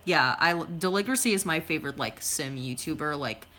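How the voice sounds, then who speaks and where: A YouTuber in her twenties chats at home on a livestream, reading comments in a meandering style packed with fillers and silly sound effects. She talks a little fast in a low-pitched, animated voice that is bright and forceful.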